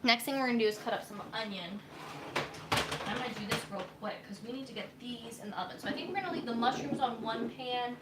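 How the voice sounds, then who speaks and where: Heavy background noise fills this live cooking stream, where a young dietitian with a voice on the high side talks quickly. She chats casually, chopping vegetables in her home kitchen and reading out viewer comments.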